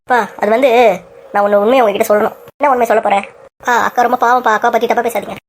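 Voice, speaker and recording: A woman's voice: fairly high pitch, steady tone, very fast, a little hiss or hum, close to an everyday voice. A woman voicing a tearful, pleading young woman who wants to keep studying, in a cartoon story.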